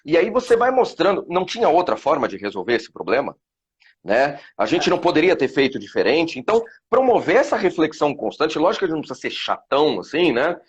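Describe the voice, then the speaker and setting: A middle-aged man chats casually about parenting, thinking aloud with fillers and restarts. His voice is slightly husky and a bit high for a man. It swings widely in pitch as he talks. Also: very animated, quick pace, lo-fi sound. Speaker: guest. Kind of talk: casual live chat.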